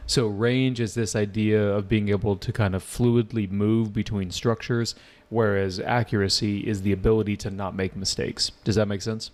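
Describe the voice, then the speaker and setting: Guy teaching ielts online, kinda low voice, keeps asking does that make sense. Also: steady tone, normal speed, few pauses, a little mellow. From United States. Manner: casual, asks the class questions often. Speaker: IELTS tutor. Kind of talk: live online class teaching.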